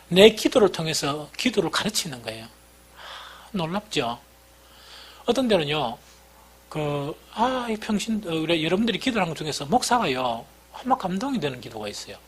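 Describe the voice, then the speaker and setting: Husky Gyeongsang-accented pastor preaching. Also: male voice, a little high. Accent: Gyeongsang dialect. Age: middle-aged. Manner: folksy storytelling, self-deprecating humor. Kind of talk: sermon.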